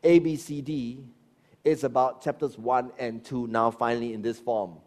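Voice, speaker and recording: Animated pastor preaching. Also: male voice, moderate pace. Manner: animated, rhetorical questions, drops to low asides. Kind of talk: sermon.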